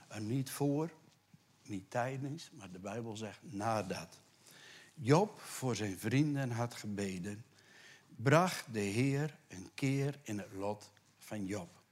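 Dutch-speaking preacher, swings from whisper to loud. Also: male voice, on the low side. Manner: animated, rising to loud emphatic bursts, drops to hushed whispers for scripture quotes; conversational asides with tag questions. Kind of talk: sermon. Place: church.

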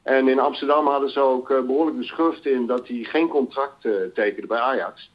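A man's voice: medium pitch, brisk. Man on a dull phone line. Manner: lively, enthusiastic describing players. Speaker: phone-in football analyst. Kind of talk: casual call-in commentary.

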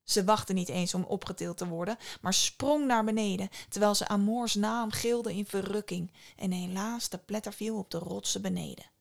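A woman's voice: mid-range voice, moderate pace, vocal fry, few pauses. Woman narrating a story with wry asides. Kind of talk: scripted narration.

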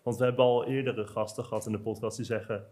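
A man's voice: medium pitch, steady tone, fast, darkish tone. A man co-hosting a podcast, chatting casually and linking the talk back to earlier points. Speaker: podcast co-host. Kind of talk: casual interview chat. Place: podcast studio.

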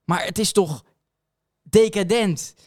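Man, high voice, dry close mic; irritated sarcastic ranter in a casual podcast. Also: takes it slowly, no room sound. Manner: irritated, sarcastic ranting with restarts. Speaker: co-host. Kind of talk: casual ranting podcast chat.

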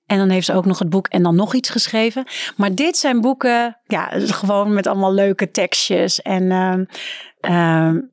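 A woman author from the Netherlands, a podcast guest talking casually and brightly. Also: measured pace, no echo, clean studio sound. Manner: lively, quotes texts in a higher playful voice.

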